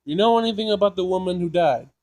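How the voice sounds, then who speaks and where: A gaming video host with a high-pitched voice talks fast through a casual playthrough, reading the game's text aloud. He jokes and thinks out loud, repeating himself as he goes.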